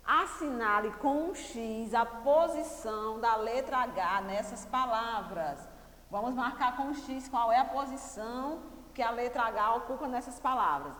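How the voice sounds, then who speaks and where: A woman with a Brazilian Portuguese accent teaches a class of young children, repeating key words and asking them questions as she goes. Her voice sits a little high and moves at an unhurried, deliberate pace. The recording has a roomy sound with a long, lingering reverb. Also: a bit bright. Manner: patient, repeats key words and quizzes pupils. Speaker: primary school teacher. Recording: echoey room with long reverb.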